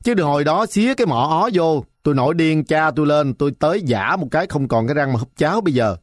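A man's voice: a little high, fairly quick, dry recording, clean studio sound, lightly acted. A man voicing a skinny, hot-tempered young boy who talks back defiantly. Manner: defiant, mocking.

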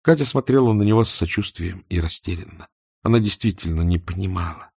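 A man narrating a humorous novel in a wry, expressive storytelling manner on a close studio mic. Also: on the low side, no room sound. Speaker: audiobook narrator.

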